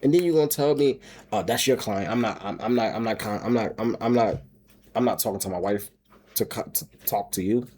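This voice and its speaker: A man's voice: lowish voice, a little fast, darkish tone. A middle-aged man venting in a rambling, profane vlog monologue, stumbling and repeating his words. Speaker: homestead vlogger and single dad.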